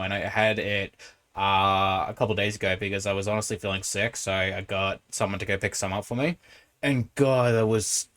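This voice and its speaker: Man, lowish pitch, casual reaction commentary, critical, explanatory. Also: a bit bright. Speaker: reaction video host.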